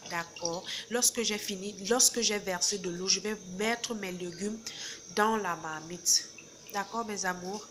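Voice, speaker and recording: A woman showing a recipe step by step, often checking in with "d'accord?". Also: mid-range voice. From not from Senegal. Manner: explains step by step, repeats "d'accord?". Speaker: home cook. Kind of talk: cooking tutorial. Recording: loud background noise.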